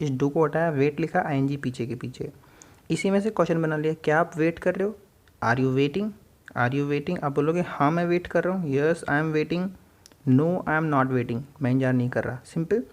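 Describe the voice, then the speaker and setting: Man drilling English grammar. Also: fairly high pitch. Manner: repetitive drilling of example sentences. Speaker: English teacher. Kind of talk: spoken grammar lesson.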